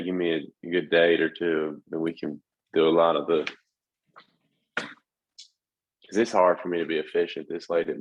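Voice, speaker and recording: Deep-voiced man on a video call. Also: narrow, tinny audio. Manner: casual, asks questions, calls people dude. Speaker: real estate investor client.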